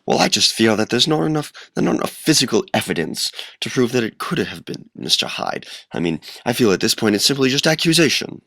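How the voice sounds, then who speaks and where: A man voicing a self-important, nervous gentleman doctor who stammers and protests evasively in a radio play. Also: medium pitch, sing-song, fairly quick, gravelly, few pauses, dry recording, clean studio sound, exaggerated voice. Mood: flustered, defensive.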